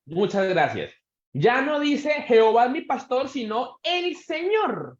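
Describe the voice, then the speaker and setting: A man teaching a church Bible class, quizzing his students and slowing down to stress key words. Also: very high-pitched, big pitch swings. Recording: echoey room, dull sound.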